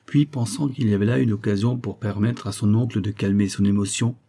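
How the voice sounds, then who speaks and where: A man narrating a classic novel in a measured, even storytelling manner. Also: on the low side, creaky. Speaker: audiobook narrator. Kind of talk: scripted narration.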